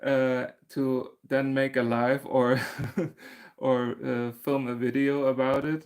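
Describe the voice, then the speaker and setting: A German man hosting a crochet channel runs a casual livestream, working through viewer comments, laughing often and restarting sentences. He talks slowly in a medium pitch with little pitch movement.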